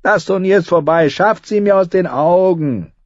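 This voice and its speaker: A man's voice: high-pitched, moderate pace, no echo, lo-fi sound, voice pushed up, lightly acted. A man voicing a cruel, arrogant boy king who sneers and gives orders, in an audiobook reading. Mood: imperious. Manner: sneering, commanding.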